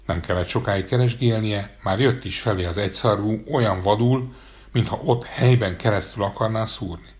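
Guy reading a fairy tale out loud, low calm voice. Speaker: narrator. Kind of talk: fairy-tale read aloud.

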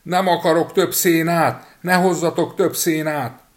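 A man voicing a tiny, clever, cheeky boy in a storybook reading, pitched high and calling out loudly. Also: lively intonation. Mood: shouting. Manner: shouting high and loud.

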